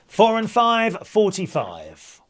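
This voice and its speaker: A man hosts a bingo night as its caller, in a notably high voice. His pitch leaps about in a sing-song way as he calls the numbers. He is a jokey, chummy showman who mixes rhymes with banter. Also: wildly swooping pitch, takes it slowly, fairly bright tone. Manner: chummy, addresses players as gang and my loves.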